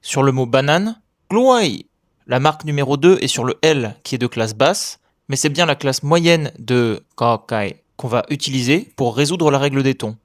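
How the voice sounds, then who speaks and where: A man teaching a language in a scripted explainer lesson, with a clear, steady and upbeat delivery. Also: medium pitch, normal speed, hardly any pauses, no room sound, studio quality.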